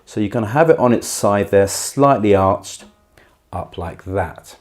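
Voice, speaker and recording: A man giving a beginner guitar tutorial in a careful, unhurried way, patiently and reassuringly explaining each step. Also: fairly low pitch. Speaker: guitar teacher. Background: acoustic guitar playing.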